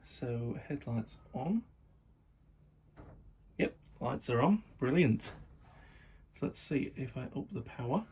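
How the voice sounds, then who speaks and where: A man with a slightly croaky voice, worn down by hay fever and too little sleep, casually unboxes and test-runs a model locomotive. His medium-pitched voice is animated and a little mellow, and he chats away, praising the model again and again and filling pauses with lots of ums.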